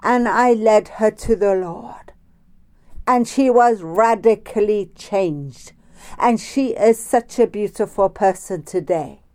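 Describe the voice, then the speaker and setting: A woman preaching by phone, telling a personal story in a slow, deliberate way. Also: medium pitch, darkish tone.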